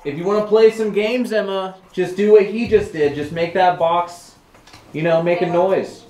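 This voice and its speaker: A man's voice: sits high, fairly even intonation, normal speed, a little mellow, slight background noise. A man talking casually on a paranormal investigation vlog. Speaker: ghost hunter. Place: large dark dining room. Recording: echoey room, music underneath.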